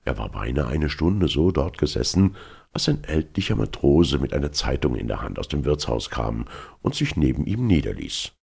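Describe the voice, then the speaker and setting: A man narrates a novel in a very deep, gravelly voice with a husky edge. His reading moves lively up and down. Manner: measured literary reading. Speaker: audiobook narrator. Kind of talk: scripted narration.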